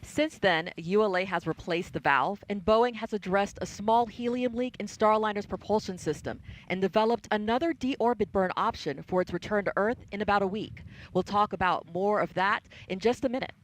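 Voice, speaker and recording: A woman's voice: medium pitch, moderate pace. A woman co-hosting a live broadcast, presenting updates as a communications representative. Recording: faint ambient noise behind.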